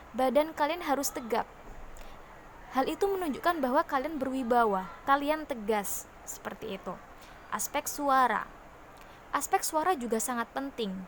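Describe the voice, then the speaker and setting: A woman's voice: on the high side, slight background noise. Woman teacher explaining a lesson. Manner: explains step by step, ends points with "seperti itu". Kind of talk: classroom lesson to students.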